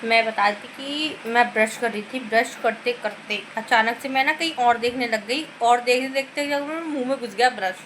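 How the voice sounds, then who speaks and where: A woman vlogger chatting to her phone camera in a rambling, casual way. She keeps calling her viewers guys and speaks softly because her mouth is sore. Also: a little high, moderate pace, hardly any pauses, slight background noise, rough recording. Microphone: phone camera filming herself.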